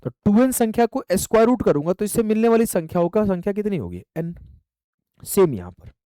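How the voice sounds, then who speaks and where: Male math lecturer, talking to students, animated and warm-toned. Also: high voice, a little fast, smooth, dry recording. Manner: lively, talks to students directly, voices their answers. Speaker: math teacher. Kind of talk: online exam-prep lecture.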